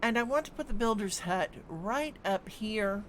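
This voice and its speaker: A woman's voice: medium pitch, expressive, moderate pace, a little hiss or hum. A woman streaming a city-building game, thinking aloud as she plays, with plenty of hums and ums. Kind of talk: live gameplay commentary.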